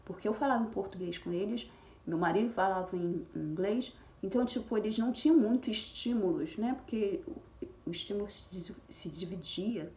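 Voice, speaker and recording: A woman's voice: medium pitch, brisk, mellow. A woman sharing her story as a mother of twins in a casual personal vlog, talking in a chatty way with many fillers and restarts. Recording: echoey room.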